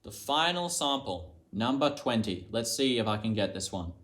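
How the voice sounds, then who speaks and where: A young man fresh out of high school talks to his camera in a loose, casual vlog. He jokes at his own expense and drops a curse now and then. His voice sits at an ordinary middle pitch. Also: lively intonation, normal speed, a bit bright. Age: young adult, just out of high school. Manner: chatty, self-mocking, swears casually. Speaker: vlogger.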